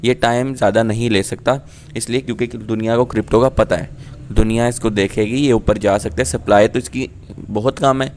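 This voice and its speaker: A man's voice: medium pitch, fairly even intonation, brisk, a little mellow, slight background noise. A man, talking casually to viewers through a screen-share explainer and often checking in with "thik hai". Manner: casual, explanatory, repeats "ठीक है". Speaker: crypto YouTuber.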